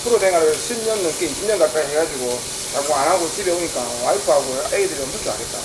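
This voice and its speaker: A man's voice: on the high side, lively intonation, very fast, noisy background. A man asking questions in a casual chat over a meal. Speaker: interviewer. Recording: echoey room, loud food sizzle.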